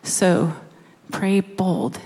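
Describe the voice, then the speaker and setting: A middle-aged woman preaching a sermon in a slow, earnest way, dropping to quiet, soft stretches. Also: fairly low pitch, big-room sound.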